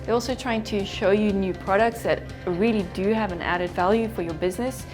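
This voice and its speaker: Mid-pitched woman over music. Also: brisk. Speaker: event attendee. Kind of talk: testimonial interview. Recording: music behind the voice.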